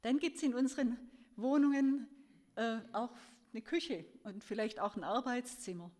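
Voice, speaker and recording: A woman giving a sermon in an earnest, gentle storytelling way, her voice rising and falling as she tells a story. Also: a little high, normal speed. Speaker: preacher.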